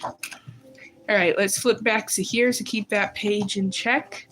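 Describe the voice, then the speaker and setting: A woman's voice: medium pitch, steady tone, takes it slowly, a bit bright, faint music behind, low-quality recording. A woman chatting casually while she draws, rambling and poking fun at herself as she gets sidetracked. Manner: rambling, self-mocking, easily sidetracked. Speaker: drawing streamer. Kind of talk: casual drawing commentary. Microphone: desk mic on a recording stand.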